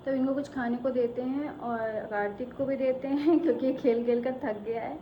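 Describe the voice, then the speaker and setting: A woman in her thirties talking casually to the camera in a home vlog, chatting and gently coaxing her children. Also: high-pitched, fairly even intonation, moderate pace, dull audio, background noise. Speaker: vlogger and mother. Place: home, indoors.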